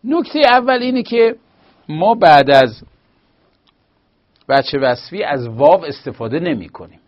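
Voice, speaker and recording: A man's voice: on the high side, lively intonation. A man teaching a grammar lesson, explaining patiently with small hesitations. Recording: slightly dull lo-fi recording.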